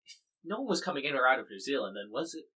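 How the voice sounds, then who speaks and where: A man's voice: medium pitch, sing-song, rapid-fire, sharp tone, slightly rough, low-quality recording. An American man hosting a podcast, covering the news in casual, wry chat full of fillers and restarts. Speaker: podcast host.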